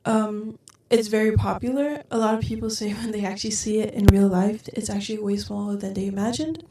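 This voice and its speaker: Brief: teen woman from Denmark, halting ums, mellow tone, roomy far-off mic. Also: mid-range voice, steady tone. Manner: hesitant, many ums, drifting softer. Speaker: guest. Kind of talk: school podcast chat.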